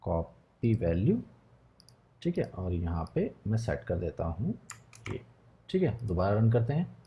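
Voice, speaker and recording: A man's voice: fairly low pitch, sing-song, measured pace, muffled recording. A man teaching a coding tutorial, explaining step by step and checking in with viewers often. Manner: patient step-by-step explaining, frequent check-ins. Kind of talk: screen-recorded coding tutorial.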